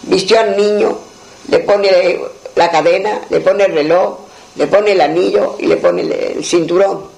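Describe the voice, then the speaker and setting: Male folk storyteller, high voice with a gravelly edge, plain and repetitive delivery. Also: steady tone, unhurried, darkish tone, low-quality recording. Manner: plain storyteller voicing the characters, repeating phrases. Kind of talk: oral folk tale telling.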